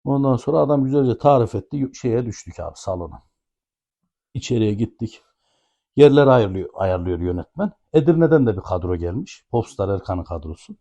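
A man's voice: medium pitch, animated, a little fast, mellow, highs cut off. A man with an Ankara accent telling a funny anecdote, animatedly acting out the dialogue. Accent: Ankara Turkish. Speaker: storyteller guest.

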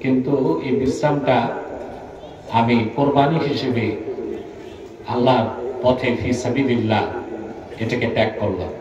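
A man preaching to a crowd, chanting Arabic verses slowly and quizzing his listeners, his voice washed in heavy echo from the loudspeaker system. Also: mid-range voice, fairly even intonation, muffled recording. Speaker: Islamic preacher. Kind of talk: sermon at an evening religious gathering. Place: outdoor gathering beside a building. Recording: echoey loudspeaker sound from far off, with a crowd.

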